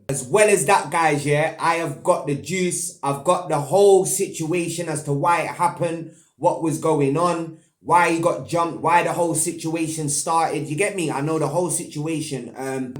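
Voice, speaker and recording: A young man with a London roadman accent giving casual commentary as an online host, in heavy street slang peppered with tag questions. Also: a little high. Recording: echoey, roomy sound.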